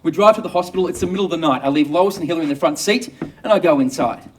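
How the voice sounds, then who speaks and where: A man's voice: a little high, very fast, distant mic, slight background noise. Wry Australian man telling his story. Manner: wry, dry humour. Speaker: obstetrician. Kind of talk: first-person storytelling monologue.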